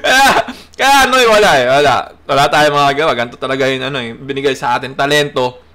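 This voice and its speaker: A man's voice: medium pitch, fast talker, sharp tone. A man hosting a reaction video, talking casually with frequent laughs, swearing and filler tags. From Philippines.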